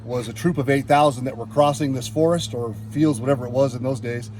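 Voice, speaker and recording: In a darkish, mid-range voice that stays fairly even and fairly quick, a California man tells a casual, meandering story as a metal detecting enthusiast. He acts out people's exchanges, with a little hiss or hum in the background.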